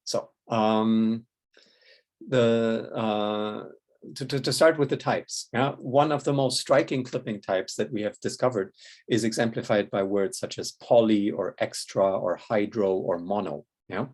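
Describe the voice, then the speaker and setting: A man's voice: lowish voice, measured pace, a little mellow. A man giving a recorded academic lecture, talking through results step by step, with many "uh" fillers and a questioning "yeah?" to check in with listeners. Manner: methodical, frequent tag "yeah?" and "uh" fillers. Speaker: linguistics lecturer. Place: indoors, room near a window with rain outside.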